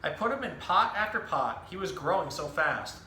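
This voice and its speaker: Pitched fairly high and sing-song, this man's voice is pushed and bright, moving at a normal speed. As a zookeeper and storytime host, he explains animals in a relaxed way and reads a children's picture book, keeping everything simple for kids. Some background noise and a roomy echo come through.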